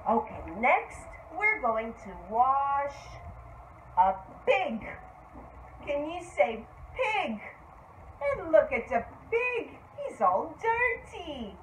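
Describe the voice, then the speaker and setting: A woman speaks to toddlers in a high, sing-song voice that swoops up and down. She talks very slowly and coaxes them with exaggerated praise. The room is echoey. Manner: exaggerated, animated, coaxing. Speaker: preschool teacher. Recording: echoey room, faint noise.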